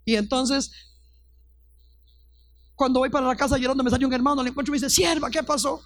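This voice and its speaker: A high-voiced, middle-aged woman pastor preaches her testimony with fervor. She acts out the people in her stories as she goes. The sound is dry and close. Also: steady tone, fast, dry recording. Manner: fervent storytelling, acts out quoted voices. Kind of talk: testimony sermon.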